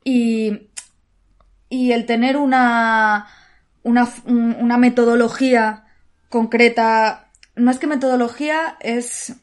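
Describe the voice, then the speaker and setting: A woman's voice: a little high, fairly even intonation, slow pace. A Spanish-accented actress from Alicante, a guest in a casual podcast interview, who laughs often and searches for her words. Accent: Spanish, Spain. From Spain, Alicante. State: nervous.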